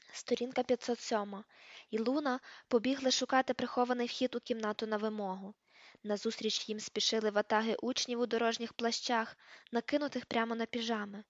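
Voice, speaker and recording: A woman's voice: a little high, dry recording. A woman narrating an audiobook, reading the page numbers aloud and shifting her voice for the characters. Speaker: audiobook reader. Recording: dull lo-fi dry recording.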